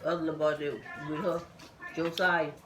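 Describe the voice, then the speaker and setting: A woman's voice: deep voice, flat delivery, moderate pace, noisy background. A woman chatting bluntly and gossiping with family during a meal at home. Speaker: family member at the table. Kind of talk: casual family chat. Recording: loud dish and cutlery clatter.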